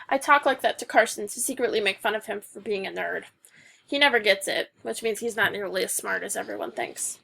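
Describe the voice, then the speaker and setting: A woman reading a children's novel aloud as the narrator, with brisk first-person storytelling and dialogue read without character voices. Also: a little high, creaky, fairly bright tone. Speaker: audiobook narrator.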